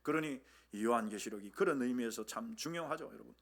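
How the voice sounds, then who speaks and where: A man's voice: mid-range voice, fast, gravelly. A male pastor with a Gyeongsang accent, preaching a sermon in a church and leading the congregation in call-and-response with humor. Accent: Gyeongsang Korean. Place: church sanctuary.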